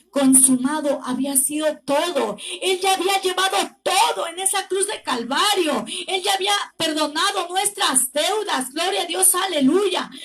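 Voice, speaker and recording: A woman's voice: very high-pitched, fairly bright tone. A woman preacher with a Mexican Spanish accent delivering a fervent sermon, often breaking in with words of praise. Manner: slow, deliberate delivery with emphatic pauses.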